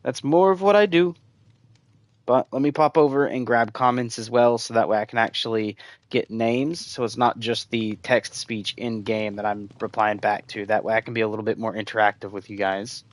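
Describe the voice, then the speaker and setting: Low-voiced man chatting while gaming. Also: moderate pace, no room sound. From United States. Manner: rambling, chatty, addresses viewers as guys. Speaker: gaming streamer. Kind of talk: casual gameplay commentary.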